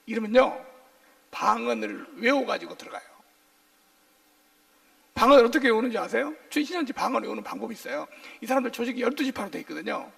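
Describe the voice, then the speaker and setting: A male pastor preaching a sermon in a lively, joking way, firing questions at his congregation for call-and-response. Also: very high voice, creaky, recorded from a distance. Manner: jokey, playful asides.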